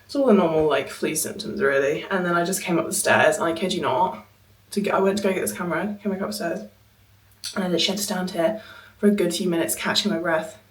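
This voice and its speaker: A woman's voice: fairly low pitch, fairly even intonation, fast talker, echoey room. Young woman vlogging while sick, breathless and coughy, a bit far from the mic, annoyed but stubborn. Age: young adult. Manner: chatty, frustrated and determined. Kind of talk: casual vlog chat to camera. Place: indoors at a holiday home.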